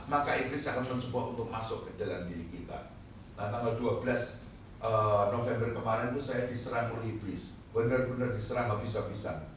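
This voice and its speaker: A middle-aged male pastor preaching an impassioned sermon, sometimes dropping to hushed tones and sometimes crying out loudly. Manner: impassioned, swings from low hushed tones to loud cries. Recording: echoey hall from far off, faint noise.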